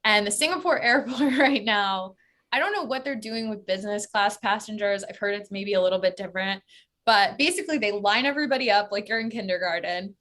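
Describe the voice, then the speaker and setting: A talkative American woman with a bright, forward tone, speaking as an interview guest. She talks loosely and casually, dropping frequent "like"s and "um"s. Her pitch sits in an ordinary middle range. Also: fairly quick. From United States. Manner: chatty, many fillers like "like" and "um". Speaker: guest, solo travel expert.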